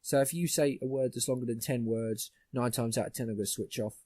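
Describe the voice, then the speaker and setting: A man's voice: medium pitch, fairly even intonation, a little fast, mellow, no room sound. A young man hosting a podcast, ranting bluntly with plenty of swearing in casual chat. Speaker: podcast host.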